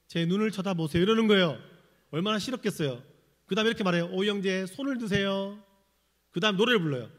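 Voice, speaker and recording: High-voiced pastor in a reverberant hall. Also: male voice. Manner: animated, dramatic storytelling with humor. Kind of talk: sermon with personal testimony. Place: church sanctuary. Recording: long church hall reverb.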